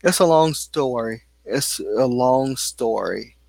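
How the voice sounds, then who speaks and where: A man's voice: mid-range voice, lively intonation, takes it slowly, creaky, darkish tone. A young man pours out a long, heated rant straight to camera. His speech rambles and restarts, with plenty of "like" and "you know" as he circles back. The sound is dry and close, with no room echo. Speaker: vlogger. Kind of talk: casual venting monologue.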